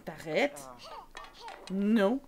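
A woman's voice: medium pitch, expressive, very slow. A woman chatting casually as she streams a life-sim game, teasing the characters and talking to them.

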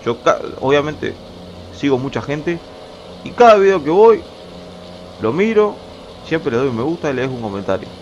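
A young Uruguayan man with a Uruguayan Spanish accent, a gaming YouTuber, rambles chattily while playing a truck-driving game at home, often restarting words. His fairly high voice swings widely in pitch at a normal speed with long pauses. The home recording is slightly dull, with faint game noise.

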